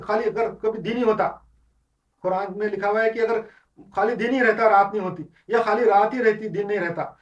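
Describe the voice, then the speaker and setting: Guy doing a religious lesson, kinda high voice, sounds far off and muffled. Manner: explanatory, mixes English terms into Hindustani; frequent restarts and filler sounds. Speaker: Islamic teacher. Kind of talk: unscripted religious lecture.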